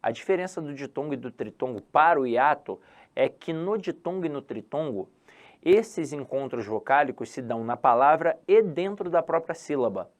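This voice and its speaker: A man's voice: fairly high pitch, lively intonation, normal speed. A Brazilian man teaching a Portuguese grammar lesson for exam prep, stretching key words and asking and answering his own questions.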